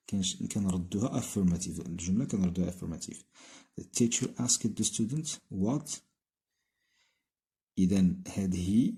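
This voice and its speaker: A man with a Moroccan Arabic accent explaining an English grammar lesson, reading the English example sentences slowly. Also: deep voice, warm tone. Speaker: English teacher.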